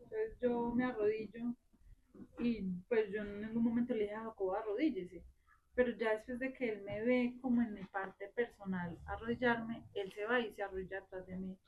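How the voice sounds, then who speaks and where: A woman's voice: a little high, fairly even intonation, moderate pace, muffled recording. A woman, a mother, earnestly sharing a personal story about her children during a class discussion.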